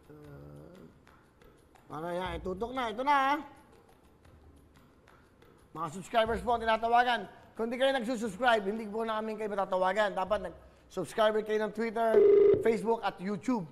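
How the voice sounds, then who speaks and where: A man hosting a live phone-in game show, calling contestants in a loud, urgent, coaxing way. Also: high-pitched, moderate pace, pauses often, in a large hall, a little hiss or hum.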